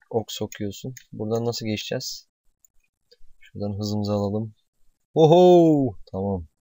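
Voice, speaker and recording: A young man commentating a video game at home, excitable and swearing, sometimes shouting at the screen. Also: on the low side, no room sound, studio quality. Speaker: gamer.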